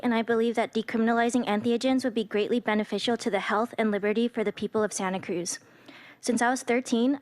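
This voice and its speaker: A woman's voice: fairly high pitch, a little mellow. A woman in her twenties giving an earnest, prepared public comment to a city council. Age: 20s. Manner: earnest, reading a prepared statement.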